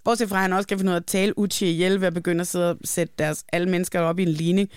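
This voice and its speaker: A woman's voice: lowish voice, flat delivery, darkish tone, clear, resonant tone, no echo, clean studio sound. A woman hosting a podcast in casual chat, blunt and emphatic, swearing casually. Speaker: podcast host.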